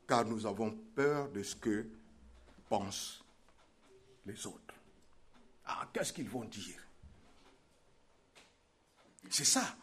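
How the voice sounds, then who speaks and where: A man's voice: medium pitch, slightly rough. A man preaching a sermon, emphatic and repeating his key phrases.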